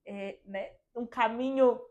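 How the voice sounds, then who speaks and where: Young female guest, high voice, lively chatty storyteller. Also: slow, highs cut off. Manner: lively storyteller, fills with "meio tipo assim". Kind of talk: casual chat.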